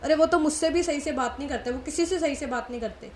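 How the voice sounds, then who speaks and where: A woman's voice: sits high, quick pace, a little mellow, a little hiss or hum, close to an everyday voice. A woman voicing an anxious young niece who pleads close to tears. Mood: tearful.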